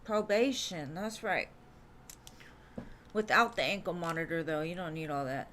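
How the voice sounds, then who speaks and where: A woman's voice: low voice, a little slow, fairly bright tone, a little hiss or hum. A woman giving live tarot readings in a casual, chatty way, with many fillers, calling viewers "love". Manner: chatty, says "like" and "um" often, calls viewers "love". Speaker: tarot reader streamer.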